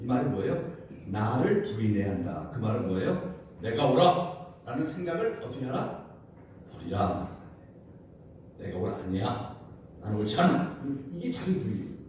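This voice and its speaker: A pastor preaches a Wednesday prayer service sermon in a church sanctuary. His medium-pitched voice is mellow and dark, swinging widely up and down as he questions the congregation and tells the story with animated energy. A distant mic makes it very echoey, with a faint hiss.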